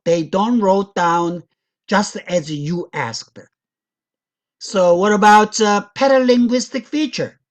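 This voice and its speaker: Woman guest lecturer with an unhurried delivery. Non-native English, explanatory teaching tone. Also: mid-range voice. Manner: slow, deliberate, non-native English with loose grammar; asks the audience frequent check questions. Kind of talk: academic lecture walking through slides.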